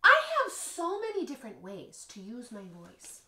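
Casting: bright, high-voiced woman for a kids' music class, playful and sing-song, roomy living-room sound. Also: wildly swooping pitch, normal speed. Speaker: music teacher. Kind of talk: children's music lesson. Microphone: camera across the room.

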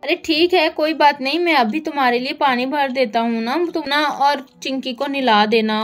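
Woman doing a young village husband for a doll story, fussy but helpful, quite high. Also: normal speed, faint music behind, lightly acted. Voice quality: same high voice as narrator, barely lowered. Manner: fussy and complaining, then eager to help.

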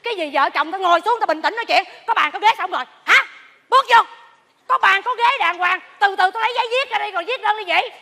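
A woman's voice: sits high, lively intonation, rapid-fire, sharp tone, some chatter behind, exaggerated voice. An actress playing a gossipy Buddhist neighbor woman, exclaiming dramatically in a stage comedy sketch. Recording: stage hall reverb.

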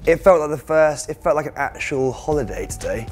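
A man's voice: fairly high pitch, expressive, fairly quick, darkish tone. A young man in his twenties with a British accent, chatting jokily and mocking himself as he vlogs a road trip on a lapel mic. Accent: British English. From United Kingdom. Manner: chatty, jokey and self-mocking. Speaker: travel vlogger. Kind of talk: casual travel vlog. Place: outdoors and in hotels on a road trip. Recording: music playing underneath.

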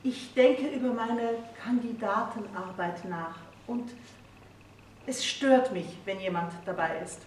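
A woman's voice: fairly high pitch, takes it slowly, a little mellow. A prickly young student, stiffly polite and immovably stubborn, read aloud by a woman. The voice comes from some distance in a roomy space, with faint hiss. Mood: curt. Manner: curt, insistent, stiffly polite.

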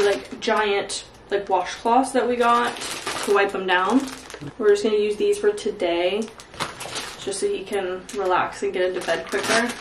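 Young woman explaining stuff for a vlog, blunt and informal, echoey room, bit far from mic. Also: mid-range voice. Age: young adult. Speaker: caregiver explaining aftercare. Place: small bathroom indoors. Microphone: camera mic a step away. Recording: echoey bathroom, distant mic, background noise.

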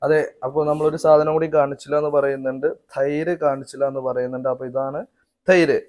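A man's voice: medium pitch, fairly even intonation, quick pace, darkish tone, dry recording. A man doing casual vlog narration outdoors behind a house, chatty and talking straight to viewers with teasing asides. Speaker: family vlogger cooking.

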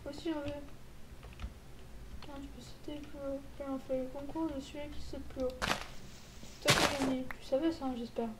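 A woman giving playful, joking commentary while playing a video game, with excitable outbursts. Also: high-pitched, a little fast, pauses often. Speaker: gaming YouTuber. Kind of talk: casual gameplay commentary. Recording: loud background noise.

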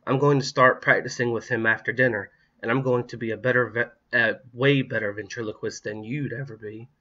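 Kris, a boastful young twin girl, read by a man, talks in an eager, bragging storybook voice. The tone is bright, and the recording sounds a little dull. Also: mid-range voice, fairly even intonation, brisk. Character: boastful, competitive twelve-year-old twin girl.

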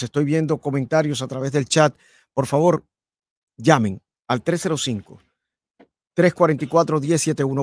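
Speaking emphatically and circling back to key phrases, an older male radio host runs a live talk show from a studio microphone with headphones. His voice is a little high with a darkish tone, captured dry.

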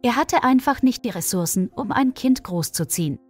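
A woman's voice: fairly high pitch, expressive, normal speed. Woman narrating a story over faint music.

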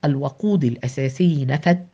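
A woman voicing a firm, measured male team leader in an audio novel. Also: deep voice, dark tone, slightly rough, voice pushed down. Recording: dull lo-fi with background music.

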